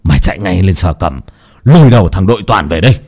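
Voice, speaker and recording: A man doing a gruff, domineering young master. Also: low voice, animated, fast talker, darkish tone. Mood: furious. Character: hot-tempered young master of a wealthy house.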